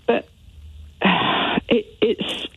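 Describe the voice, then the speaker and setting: A woman's voice: extremely slow, narrow, tinny audio. A woman chatting as a radio phone-in caller over a landline phone, earnest and a little hesitant, often repeating herself. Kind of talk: casual phone-in chat. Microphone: landline telephone handset.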